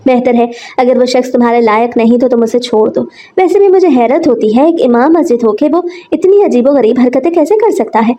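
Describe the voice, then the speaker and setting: A woman reading aloud as a stern brother in a spoken story, serious and disapproving. Her voice stays warm and fairly high. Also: brisk, few pauses, natural voice. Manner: serious, reproachful.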